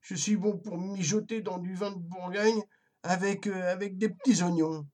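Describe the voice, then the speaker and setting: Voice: medium pitch, steady tone, normal speed, a little mellow, voice pushed up, lightly acted. A storyteller voicing a frightened little rooster who has lost his voice to a sore throat, whimpering and stammering.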